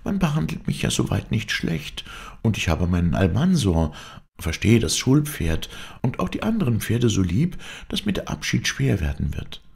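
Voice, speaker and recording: A man's voice: on the low side, huge pitch swings, normal speed, vocal fry, a little mellow, pitched above the performer's own voice, exaggerated voice. A man voicing a spirited young woman circus rider in an audiobook, talking in an urgent, playful rush. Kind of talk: audiobook character voice.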